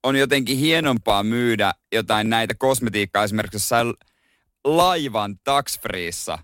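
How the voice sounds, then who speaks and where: A man co-hosting a radio morning show, chatting casually and throwing in quick jokes. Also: mid-range voice, expressive, a bit bright, dry recording, clean studio sound. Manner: quick joking interjections. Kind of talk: casual chat.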